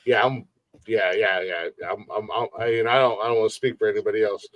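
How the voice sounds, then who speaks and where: A man's voice: on the low side, fairly even intonation, fast, a bit bright, no echo, muffled recording. A man in his forties hosting a casual live-stream podcast, rambling, repeating himself and swearing freely. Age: 40s. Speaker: podcast host.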